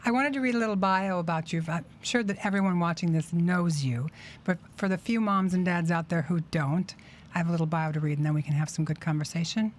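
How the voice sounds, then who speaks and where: A woman's voice: on the low side, a little fast, slight background noise. A woman co-hosting a podcast, upbeat and affirming in chat, reading a guest bio aloud. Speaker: podcast co-host.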